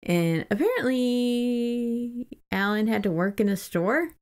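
In a casual book chat on her podcast, this co-host swears freely and keeps things irreverent. Her pitch is fairly high, her delivery animated yet slow, with a slightly mellow tone.

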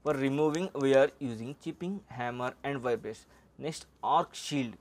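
Male instructor, middle-aged, slide lecture, halting delivery with filler words. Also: mid-range voice. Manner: halting, frequent "uh" and "okay" fillers. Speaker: welding instructor.

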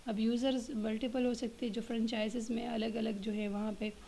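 A woman delivers a slide lecture, reading out points and then explaining them loosely with frequent fillers. Her voice sits a little high and carries a gravelly fry. Faint hiss runs under the recording. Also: little pitch movement, warm tone, poor audio. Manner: explains in Hindi-Urdu mixed with English terms, many fillers; reads slide lines slowly, then explains. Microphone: voice-over on slides.

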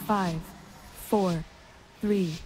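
Woman as a slow, measured countdown announcer. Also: on the low side, fairly even intonation. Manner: clipped single words. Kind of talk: game alert countdown. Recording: noisy game audio behind.

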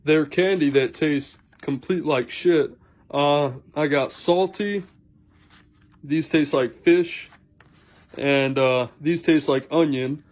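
A man's voice: a little high, takes it slowly. A man chatting casually as he films pranks on his grandmother at home with a phone. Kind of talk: casual prank vlog chat. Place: indoors in a home. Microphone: phone he is holding while filming.

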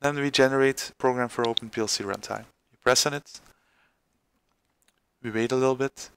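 Man, gravelly tutorial presenter, halting delivery with fillers, mid pitch. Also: steady tone, a bit bright. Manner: halting, many fillers and restarts. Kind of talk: screen-recorded software tutorial.

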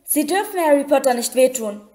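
A woman voicing an excitable, devoted male house-elf with a shrill, high, eager voice, reading a storybook aloud. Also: fairly quick, natural voice.

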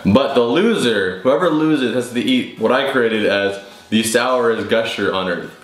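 A man in his twenties hosting a casual food vlog, excited and slangy as he tastes and eats sour candy. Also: medium pitch, a little slow. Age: 20s. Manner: excited, slangy, talking while tasting and eating sour candy. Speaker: host of a food challenge vlog. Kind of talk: casual vlog chat to camera. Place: living room, indoors. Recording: echoey living room with music behind.

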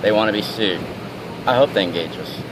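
A man's voice: lowish voice, fairly quick. A man giving sardonic, challenging running commentary as he films police outdoors on a handheld camera. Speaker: citizen filming police. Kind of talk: running commentary while filming. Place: outdoors at night on a city street. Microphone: handheld camera microphone. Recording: noisy outdoor street with traffic.

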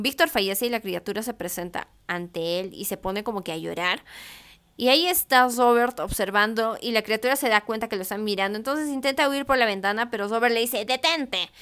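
A woman's voice: mid-range voice, fairly bright tone, clear, resonant tone. A young woman casually retelling a novel's plot as a book reviewer, chatty and informal.

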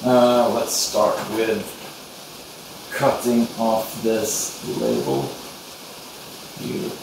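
A young Swedish man with a Swedish accent works on a bonsai in a small glassed sunroom while rain falls steadily outside, thinking aloud with lots of fillers in a casual tutorial vlog. His voice is lowish with drawn-out words, picked up by a distant camera mic that sounds echoey with rain hiss.

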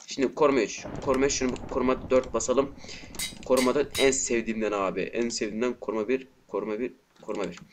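Annoyed guy cursing through his gameplay commentary at his desk, yelling now and then, keys clacking softly. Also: mid-range voice, little pitch movement, quick pace, noisy background. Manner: frustrated, cursing, bursts of shouting. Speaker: gaming channel host. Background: keyboard typing and mouse clicks.

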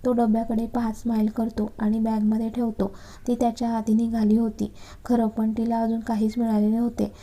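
A woman reading a romance story aloud as a storyteller, with steady, even storytelling. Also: fairly high pitch, moderate pace.

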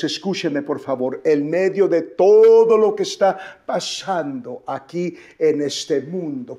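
A male pastor preaching a sermon, calling out "listen" and "beloved brethren", surging to loud peaks and sinking to near-whispers. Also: on the high side. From United States. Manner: preaching with swells to loud emotional peaks and dropping to hushed; repeats "escuche" and "amados hermanos" to the congregation.

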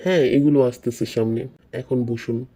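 A woman's voice: rumbling low, fairly even intonation, normal speed, dark tone. A woman voicing a stern, bossy male examiner who gives curt commands in a storybook dub.

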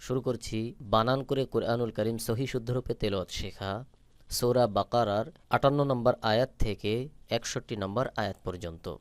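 A man leads a Quran reading lesson, spelling each word out syllable by syllable. His voice is smooth and resonant, and he sits close to the mic in a dry, dead space with no room echo. He drops into slow, drawn-out chanting when he recites the verses. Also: lowish voice. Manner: patient syllable-by-syllable spelling drill.

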